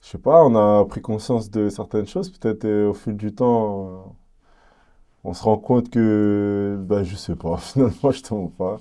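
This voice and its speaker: A young man from French Guiana speaks with a French Guianese accent. His voice sits fairly low and sounds very dark and mellow, and he talks in a relaxed, halting way, full of fillers, as an interviewed rapper. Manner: relaxed, hesitant, many fillers and restarts. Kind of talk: casual interview chat.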